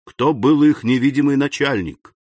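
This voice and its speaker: A man reading a novel aloud, expressive storytelling narration. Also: mid-range voice, normal speed, no echo. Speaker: audiobook reader. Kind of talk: scripted narration.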